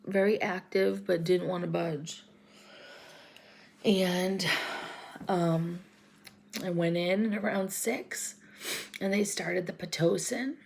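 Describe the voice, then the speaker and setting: Woman, 40s, personal vlog; near tears, halting, slips into whispers; lowish, gravelly, slow. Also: fairly even intonation, a little mellow, a little hiss or hum. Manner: tearful, halting, often drops to a whisper. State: close to crying. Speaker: vlogger.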